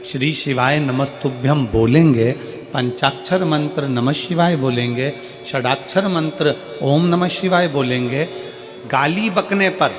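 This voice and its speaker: A man's voice: medium pitch, measured pace, music in the background. A man preaching a devotional sermon to a crowd, repeating his phrases in a building rhythm and breaking into a sung hymn. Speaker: preacher telling a religious story. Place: large hall at a live religious gathering.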